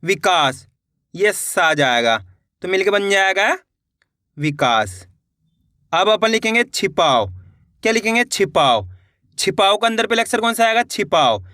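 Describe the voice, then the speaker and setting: A man teaching a step-by-step spelling lesson, repeating each word slowly and asking and answering his own questions. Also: high voice, sharp tone, dry recording, clean studio sound. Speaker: Hindi reading teacher.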